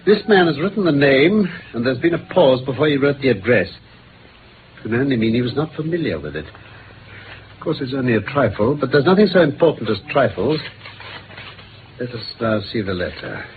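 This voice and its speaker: A man plays a brisk British detective in what sounds like a 1950s radio play, captured on a narrow, noisy vintage recording. His pitch swings widely in a sing-song, lightly acted way, and his precise, theatrical deductions carry incisive, shrewd self-assurance.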